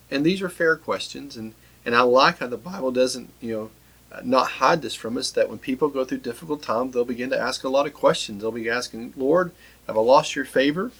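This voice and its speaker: Gravelly, husky male preacher. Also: mid-range voice, fairly bright tone, rough recording. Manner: earnest, repeats words and restarts often. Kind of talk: sermon broadcast.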